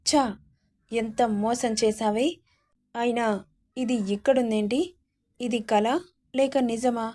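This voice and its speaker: A man's voice: very high-pitched, level tone, slow pace, long pauses, a little mellow. A woman voicing a furious, hot-tempered young man who speaks in a harsh, commanding way. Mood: angry.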